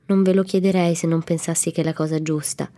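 A woman reading aloud and voicing a prim, determined little girl in a storybook, calling out in a high, sharp voice. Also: steady tone, fast, lightly acted. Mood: firm.

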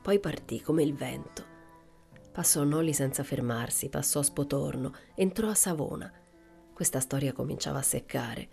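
A woman reading a novel aloud in a calm, measured way, lightly voicing the dialogue. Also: very deep voice, vocal fry, soft background music. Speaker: audiobook reader.

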